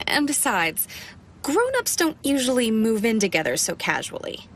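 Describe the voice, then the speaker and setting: A woman's voice: on the high side, huge pitch swings, normal speed, slight background noise. An actress voicing a hot-tempered, exasperated young woman in an overacted English anime dub. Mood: casual. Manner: overacted, loud, scolding anime-dub delivery. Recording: music behind the voice.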